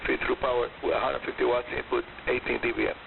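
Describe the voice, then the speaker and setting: Through crackling shortwave reception, a gravelly man with a medium-pitched voice that barely moves in pitch hosts a scripted radio programme at a quick pace. The narrow-band broadcast carries constant static and hiss.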